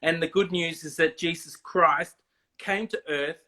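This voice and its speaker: Bright-voiced man explaining with pauses. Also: on the high side. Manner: explains with many ums and restarts. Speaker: missions guest. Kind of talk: casual video chat.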